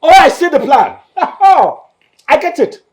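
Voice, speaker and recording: A man's voice: very high voice, big pitch swings, takes it slowly, exaggerated voice. An actor playing a defiant young man who rejects a royal claim, agitated and sarcastic, repeating himself. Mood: scornful. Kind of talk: film drama acting.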